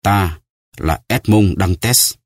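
A man voicing a stern, vengeful nobleman who speaks solemnly and gravely, in an audiobook. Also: sits low, lively intonation, normal speed, no room sound, studio quality.

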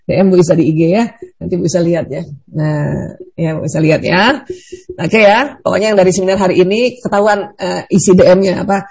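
Lively, teasing female preacher, mellow voice. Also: lowish voice, brisk, gravelly, breathy edge. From Bugis heritage, Indonesia. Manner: lively, teasing, laughs often, animated swings. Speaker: Islamic preacher. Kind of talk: religious seminar talk.

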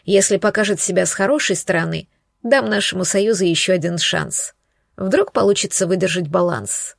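Woman reading a romance audiobook, a bit gravelly, dry close sound, intimate. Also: on the low side, normal speed, no echo. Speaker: audiobook narrator. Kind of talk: first-person romance novel narration.

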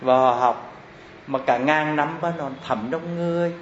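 Male Dharma teacher, slow and repetitive, quizzing the class; roomy, echoey hall sound. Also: fairly high pitch. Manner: slow, repeats terms and asks rhetorical questions. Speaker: Buddhist Abhidhamma teacher. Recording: echoey hall, slightly dull with faint hiss.

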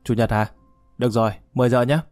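A man reading as a gruff, worldly old official. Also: medium pitch, fairly even intonation, quick pace, a little mellow, no echo, faint music behind, natural voice. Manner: blunt, commanding, uses familiar address.

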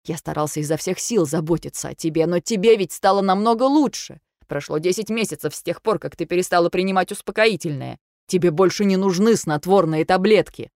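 A wounded, bitter young husband in an audiobook, as a woman reader voices him, speaking in a cold, reproachful tone. The voice sits low, and the recording is dry and close, with no room sound. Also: fairly quick, hardly any pauses, a little mellow, dry recording, natural voice. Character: hurt, angry young husband on the phone. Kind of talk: audiobook reading.

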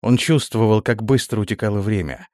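A man narrating a fantasy story in a steady storytelling manner, voicing the characters. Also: on the low side, a little fast, dry recording, clean studio sound. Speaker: audiobook narrator.

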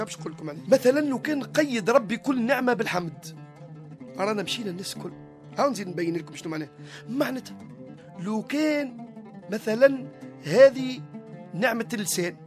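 A man with a Tunisian accent giving a radio religious lesson, explaining points step by step and asking and answering his own questions. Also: high-pitched. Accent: Tunisian Arabic. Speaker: religious teacher.

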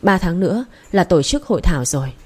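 A woman reading the lines of a calm, patient young man who tutors and explains things step by step, in an audiobook. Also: fairly low pitch, brisk, slightly rough. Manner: patient, instructive.

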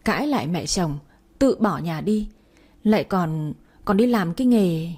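A woman's voice: lowish voice, lively intonation, a little slow, breathy edge. A woman doing a furious old father. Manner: shouting, harsh and scolding.

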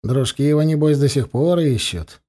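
A man's voice: on the high side, moderate pace, mellow, lightly acted. A man doing a sly, fawning henchman. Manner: smirking, obsequious. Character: sly servile henchman, mocking.

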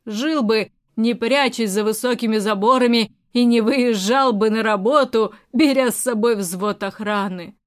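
A woman's voice: fairly high pitch, measured pace, few pauses, close to an everyday voice. Woman voicing a bitter, weary rich man.

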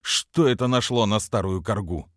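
A male reader voicing a blunt, wry undercover agent who speaks patiently with gruff asides. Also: on the low side, moderate pace, fairly bright tone, dry recording, clean studio sound, close to an everyday voice. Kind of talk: audiobook character voicing.

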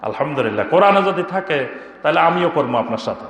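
A man's voice: a little high, animated, fast, a bit bright, echoey room, big-room sound. A man preaching a waz sermon, throwing rhetorical questions at the crowd and chanting some phrases.

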